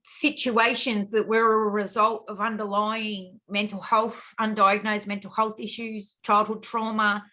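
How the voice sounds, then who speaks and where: A middle-aged woman, a webinar guest telling her own story on a video call, halting and tearful, with many restarts. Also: medium pitch, flat delivery, pushed and bright, low-quality recording. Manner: halting and emotional, frequent restarts and fillers. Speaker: guest speaker with lived experience. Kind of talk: personal story in a webinar interview.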